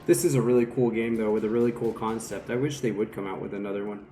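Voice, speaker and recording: A man's voice: fairly low pitch, steady tone, fast, warm tone, soft background music. A man giving casual commentary while he plays a video game. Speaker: let's play commentator. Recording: faint game noise behind voice. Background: video game sounds.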